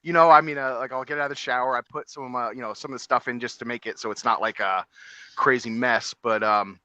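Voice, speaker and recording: Bright-voiced rambling man. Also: medium pitch, steady tone, fast talker, no echo. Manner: rambling storyteller, many fillers and restarts. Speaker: podcast co-host. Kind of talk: casual chat.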